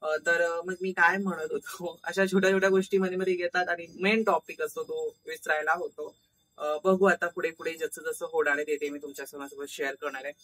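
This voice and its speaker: A man talks casually to his viewers in a home vlog. His talk is chatty and relaxed, and it was filmed indoors at his home. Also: fairly high pitch, brisk. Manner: chatty, coaxing a child with repeated questions. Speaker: vlogger. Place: home family birthday gathering, indoors.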